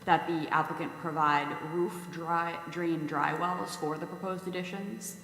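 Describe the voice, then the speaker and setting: A woman's voice: low-pitched, a bit bright. A woman on town planning staff, reading out conditions in a formal report at a public meeting. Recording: echoey meeting hall, faint noise.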